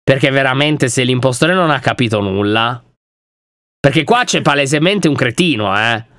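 A man hosting a gaming stream, bantering loudly and mockingly with friends. His voice swings a lot in pitch and has a bright, forceful edge. The sound is dry, close to the mic. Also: lively intonation, moderate pace, no room sound. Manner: loud teasing banter, mock outrage. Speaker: streamer host. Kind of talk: casual gaming chat.

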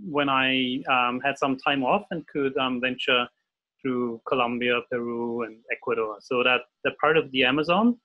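Sitting at a desk at home, a man in his forties from Austria is interviewed casually over a video call about his work as an illustrator. He speaks at medium pitch in a steady tone and normal speed, with an Austrian German accent, hesitating and restarting with many fillers. The audio comes through dull.

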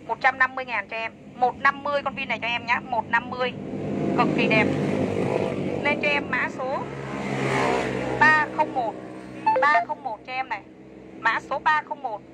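Woman livestream seller, high bright voice, upbeat repetitive sales patter, faint background noise. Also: poor audio. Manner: chatty, enthusiastic sales pitch, repeats prices. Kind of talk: fast live-sale patter.

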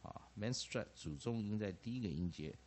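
A man with a Taiwanese Mandarin accent explains English phonics in a classroom-style lecture. His voice sits low but swings widely in pitch. He keeps repeating terms and punctuates almost every phrase with "ah" or "ha". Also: moderate pace, a little hiss or hum. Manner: lively, peppers phrases with 'ah' and 'ha', repeats terms. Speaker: English teacher.

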